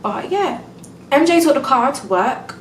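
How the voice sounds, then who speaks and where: A woman's voice: sits high, animated, a little slow, echoey room, far from the mic, a little hiss or hum, rough recording. A young woman venting in a casual storytime vlog, exasperated and close to tears, full of "like" and "do you know what I mean". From England. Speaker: vlogger.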